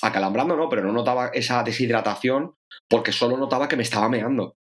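A man telling a race story in casual chat, lively and full of swearing, acting out his own thoughts. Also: mid-range voice, fast talker. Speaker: podcast co-host, triathlete.

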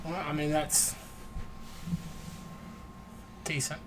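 A man hosting a casual podcast chat, talking low and very close to the microphone. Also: flat delivery, very slow, noisy background. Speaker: podcast host. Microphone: close to the mic.

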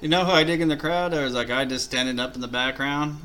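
A man's voice: medium pitch, fast talker, bright, forceful tone. A man chatting casually and giving rambling, slangy off-the-cuff commentary as a co-host. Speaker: co-host of a wrestling watch-along.

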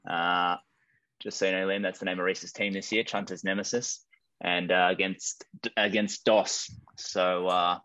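A man's voice: deep voice, little pitch movement, measured pace, pushed and bright, no room sound. An Australian man hosting a casual podcast chat, heard through a slightly dull mic. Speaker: podcast host.

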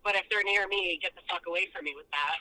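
A woman's voice: lowish voice, fast talker, sharp tone, poor audio. A woman calling in over a speakerphone, chatting casually and bluntly, swearing offhandedly. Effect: heard over a speakerphone call. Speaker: phone-in caller. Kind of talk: casual chat.

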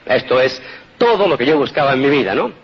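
Spanish man in his forties, earnest motivational storyteller, husky voice, dull lo-fi sound. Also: medium pitch, sing-song, brisk. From Spain. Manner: earnest storytelling, addresses audience directly. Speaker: speaker giving a testimonial talk. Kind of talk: motivational talk. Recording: dull lo-fi recording.

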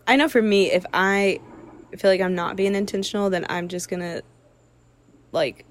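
A woman's voice: mid-range voice, steady tone, normal speed, slight background noise. A young woman in casual podcast chat, talking loosely with constant "like" fillers. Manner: chatty, heavy use of 'like', laughs easily.

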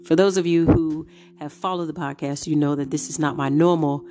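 A low-voiced, congested middle-aged woman talks through her solo podcast. She speaks at an unhurried pace, filling her pauses with ums. Guitar music plays clearly behind her. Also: fairly even intonation, warm tone. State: congested from a cold. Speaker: podcast host. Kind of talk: casual solo podcast talk.

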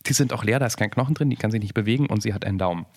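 A man's voice: lowish voice, very fast. Forty-something man musing in a podcast chat. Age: 40s. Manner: thoughtful, rambling with many restarts and fillers. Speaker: podcast co-host. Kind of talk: casual podcast conversation.

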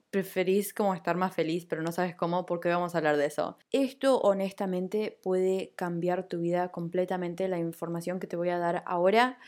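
A woman's voice: on the low side, a little mellow. A young woman with a Rioplatense accent, hosting a casual solo podcast in an upbeat, chatty, confiding way. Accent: Rioplatense Spanish. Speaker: podcast host.

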